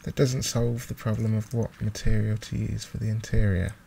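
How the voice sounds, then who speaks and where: A man's voice: lowish voice, flat delivery, normal speed, vocal fry, dark tone. A man giving casual, hesitant let's play commentary, thinking aloud, with mouse clicking behind him. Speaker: gaming video host. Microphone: close desktop microphone with gain high. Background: mouse clicks and keyboard noise.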